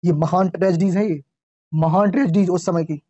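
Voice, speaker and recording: A male teacher giving a classroom lecture, reading English lines slowly, explaining them in Hindi, quizzing the class and clearing his throat often. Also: high-pitched, fairly even intonation, warm tone. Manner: quizzes the class with repeated questions. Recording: dull lo-fi classroom recording.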